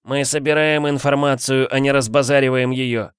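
A man's voice: medium pitch, steady tone, normal speed, smooth, no echo, clean studio sound, voice pushed up, lightly acted. A man voicing a suspicious, ill-tempered painted male mouse who snaps and barks his lines in a storybook. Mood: grumpy. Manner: snappish, barking. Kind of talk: audiobook character voice.

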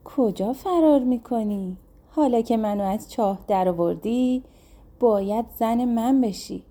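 A woman voicing an ugly yellow male demon in a storybook tale, speaking slowly and threateningly. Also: fairly high pitch.

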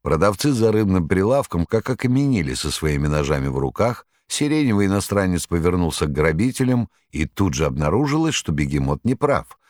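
Man narrating a story, lively and low. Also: a little fast, hardly any pauses, no room sound, studio quality. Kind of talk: scripted narration.

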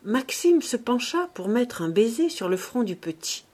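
A woman reading a classic novel aloud as audiobook narration, grave and measured. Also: a little high, big pitch swings, a little mellow, slightly rough. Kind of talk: scripted narration.

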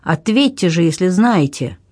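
A man's voice: high voice, big pitch swings, moderate pace, a little mellow, husky, dry recording, clean studio sound, heavily acted. A man reading an audiobook, voicing a stern nobleman, a duke who speaks with scorn. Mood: alarmed.

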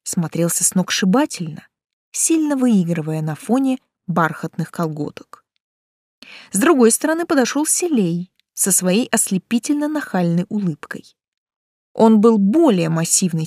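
A woman's voice: medium pitch, a little mellow, no room sound, studio quality. Wry woman narrating a novel. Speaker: audiobook reader. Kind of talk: first-person novel narration.

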